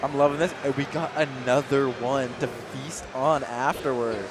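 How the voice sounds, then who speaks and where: A man giving casual, slangy colour commentary on an esports match, excitable and prone to exclamations. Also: medium pitch, normal speed, noisy background. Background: loud music.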